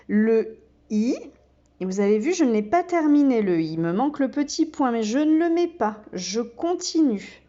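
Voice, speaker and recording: A woman who teaches kindergarten, giving a slow and patient step-by-step demonstration full of small fillers. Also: a little high, warm tone, muffled recording.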